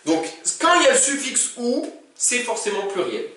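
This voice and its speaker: A man's voice: extremely high pitch, big pitch swings, moderate pace, sharp tone, recorded from a distance. A man teaching a casual language lesson, talking informally and reciting verb conjugations in a row. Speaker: Arabic teacher. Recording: very echoey room, speaking from away from the mic.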